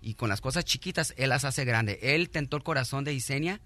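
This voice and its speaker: A middle-aged man, a guest on a radio show, telling his own story in a halting, earnest way, full of restarts and thanks. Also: mid-range voice, pushed and bright, no room sound.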